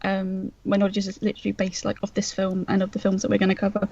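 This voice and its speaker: A woman's voice: mid-range voice, completely flat delivery, fast talker, a little mellow, slight background noise. A woman chats through a film commentary, hedging her points with self-deprecating asides. Her voice comes through slightly dull and lo-fi. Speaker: podcast co-host. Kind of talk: casual film-commentary chat.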